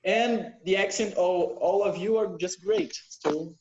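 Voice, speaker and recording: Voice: medium pitch, unhurried, darkish tone, echoey room, lo-fi sound. A participant in a casual online chat who speaks hesitantly and searches for words. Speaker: meeting participant. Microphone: video call.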